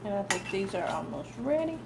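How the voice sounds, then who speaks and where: Her voice is medium-pitched, gravelly, and sing-song, delivered briskly. A cooking show host in her twenties, she leads a live demonstration from her home kitchen, chatting with viewers directly and laughing easily over the sound of sizzling pans and clattering utensils.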